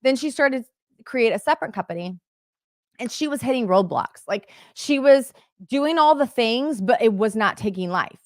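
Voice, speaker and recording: A woman coaching an online workshop in an energetic, conversational way, often saying "like" and "right?". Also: on the high side, moderate pace, no echo, clean studio sound. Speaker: business coach. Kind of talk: motivational workshop talk.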